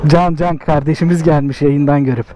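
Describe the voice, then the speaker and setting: A man chatting casually as a vlog host, exclaiming with excitement as he comments outdoors. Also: fairly high pitch, a little fast. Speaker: motovlogger, host. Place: outdoors on a city street outside a motorcycle shop. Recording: outdoor street sound with people around. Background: people chatting, street traffic.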